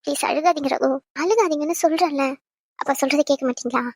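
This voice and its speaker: A woman's voice: high-pitched, fast talker, darkish tone, no echo. A young woman playing a caring pregnant wife in an audio drama, chatty, fussing and tender. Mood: worried. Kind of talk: Tamil audio drama acting.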